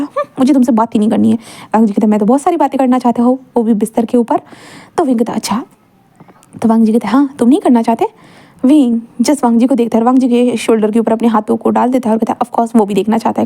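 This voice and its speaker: Fast-talking young woman telling a story. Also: fairly high pitch, dark tone. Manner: rapid, mixes English words into Hindi, fillers and restarts. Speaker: fan fiction narrator. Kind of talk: casual storytelling narration with dialogue.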